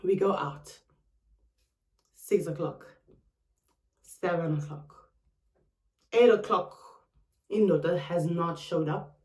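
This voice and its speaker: A young South African woman vlogger telling a personal story in a dramatic, expressive way, with sharp retorts. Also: fairly low pitch, takes it slowly, long pauses. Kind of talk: storytime chat. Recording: roomy, a bit distant from the mic.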